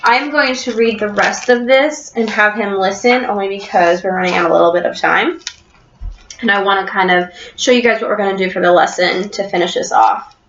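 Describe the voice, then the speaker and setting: A woman teacher reading a story aloud in class and encouraging a student with quick questions, recorded on a computer webcam in a classroom. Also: mid-range voice, a bit bright, a little hiss or hum. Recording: echoey room, dull lo-fi sound.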